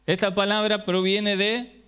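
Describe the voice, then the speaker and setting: In an unhurried, clean and fairly bright tone, a high-pitched man preaches with little rise or fall in pitch. He is teaching a congregation, explaining with patience and using rhetorical questions to check in with them.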